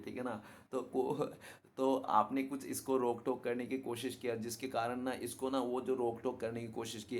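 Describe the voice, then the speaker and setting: A man's voice: mid-range voice, darkish tone. A man giving a casual tarot card reading to his viewers in a chatty way, often adding a tag question to check they follow. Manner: chatty, repeats "ठीक है ना" as a tag. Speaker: tarot reader.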